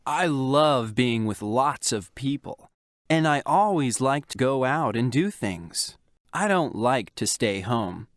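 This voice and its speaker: An outgoing young student. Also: male voice, mid-range voice, expressive, no room sound, studio quality. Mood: upbeat. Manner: slow, evenly paced reading. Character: outgoing young male student who loves going out. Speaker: student in textbook audio. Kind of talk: scripted textbook dialogue.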